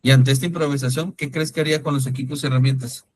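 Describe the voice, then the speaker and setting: A man's voice: mid-range voice, steady tone, quick pace, husky, rough recording. A man teaching a class, talking conversationally, calling on students by name and checking whether they follow. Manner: conversational, calls on students by name, frequent "¿sí me explico?". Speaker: instructor. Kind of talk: online-style class lecture with questions to students.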